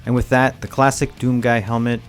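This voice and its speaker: Relaxed man explaining a craft build. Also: mid-range voice, moderate pace, over music. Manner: relaxed, plain step-by-step explaining. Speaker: cosplay prop maker. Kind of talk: casual tutorial voice-over. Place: home workshop, indoors.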